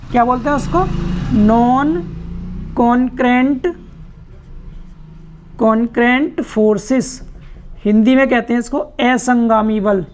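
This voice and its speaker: A man's voice: extremely high pitch, a little hiss or hum. A man teaching an online lecture, explaining step by step and repeating key terms. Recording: muffled lo-fi recording.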